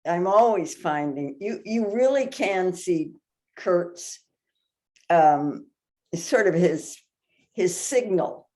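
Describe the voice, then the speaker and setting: Older woman, unhurried and lower-pitched, hesitant, video call. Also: lively intonation, mellow. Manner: slow and halting, searching for words. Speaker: community member. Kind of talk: casual chat on a group call.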